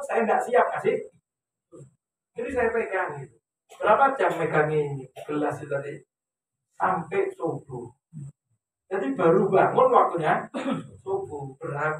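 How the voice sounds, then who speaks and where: A man's voice: sits high, fairly bright tone, slight background noise. A man preaching at a religious gathering, telling a story with animation and asking the audience questions. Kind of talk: Islamic religious talk. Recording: echoey hall, distant mic.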